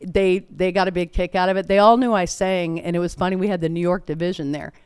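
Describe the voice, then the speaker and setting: A woman's voice: lowish voice, fast, smooth, dry recording, studio quality. A middle-aged woman telling stories in a casual interview, chatty and laughing often. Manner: chatty, laughing, animated storytelling. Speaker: performer and guest.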